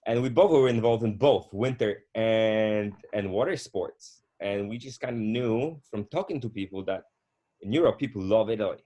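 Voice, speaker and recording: Middle-aged man, lowish pitch, easygoing guest telling a long story. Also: mellow, lo-fi sound. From Poland. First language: Polish. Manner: unhurried, with frequent fillers and restarts. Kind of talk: casual conversational storytelling.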